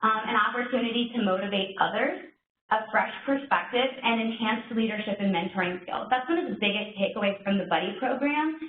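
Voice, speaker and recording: A woman's voice: a little high, brisk. Upbeat woman presenting in an echoey room. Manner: upbeat, chatty, self-joking. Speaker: HR trainer presenting a program. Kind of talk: informational session presentation. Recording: echoey room, phone-like lo-fi sound, faint noise.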